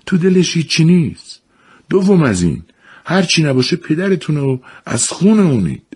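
A weary older mother speaks in a lifted, softened voice, calm and pleading as she defends the family, voiced by a male narrator. Slightly husky, she sounds patient rather than loud in this spoken story. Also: fairly high pitch, voice pushed up.

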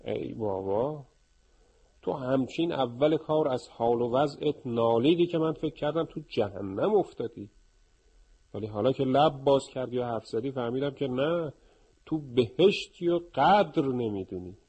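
A man voicing a male house peacock who is eager, envious and sharp-tongued, scolding in a raised voice. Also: medium pitch, husky, close to an everyday voice, low-quality recording.

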